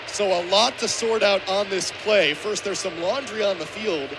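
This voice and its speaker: At a moderate pace and with a voice that sits high, a twenties-aged American man delivers live radio play-by-play of a football game. The recording is an outdoor college stadium broadcast with ambient sound in the background.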